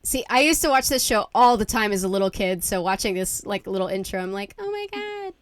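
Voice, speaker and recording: A woman's voice: medium pitch, fast, no echo. Chatty podcast lady, lots of likes and laughs, dead dry mic. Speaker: podcast co-host. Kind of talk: casual chat.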